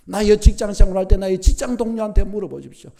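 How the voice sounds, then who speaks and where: A middle-aged man preaching a sermon as pastor, emphatic, repeating key phrases and building up to near-shouts. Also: high-pitched, level tone, fast talker, gravelly.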